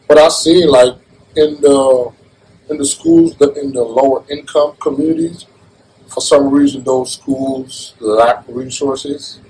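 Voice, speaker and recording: A man's voice: mid-range voice, takes it slowly, mellow, low-quality recording. Man from Jamaica, earnest casual interview talk, restarts a lot, faint background noise. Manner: earnest, repeats himself, restarts phrases. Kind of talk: casual conversation.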